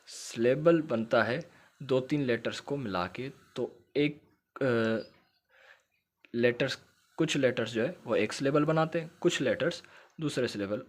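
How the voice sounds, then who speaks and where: A man gives a recorded shorthand lecture. He explains step by step, going back over each point and checking that his students follow. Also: medium pitch. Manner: explains patiently, repeats points and checks understanding. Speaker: shorthand teacher.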